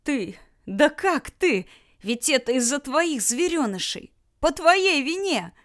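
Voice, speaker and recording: A woman's voice: on the high side, expressive, normal speed, natural voice. A woman reading an audiobook, voicing a hysterical, indignant older woman who shrieks and squeals. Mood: shrieking. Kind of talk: audiobook character voice.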